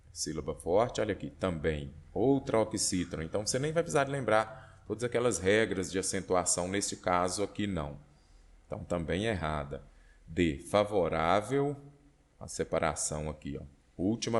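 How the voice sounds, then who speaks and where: Male exam tutor, Brazilian accent, low voice, patient step-by-step explainer. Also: expressive, moderate pace. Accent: Brazilian Portuguese. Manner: explanatory, checks in with "ok?" and "né?". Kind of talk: online exam-prep lesson.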